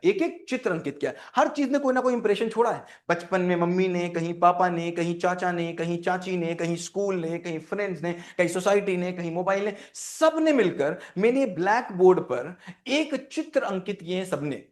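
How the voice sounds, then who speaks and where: Mentor, male, high voice, emphatic and repetitive, quizzes his students. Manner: emphatic, repeats key phrases, asks the class questions. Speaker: mentor teaching teens. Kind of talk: lively spoken lesson to students.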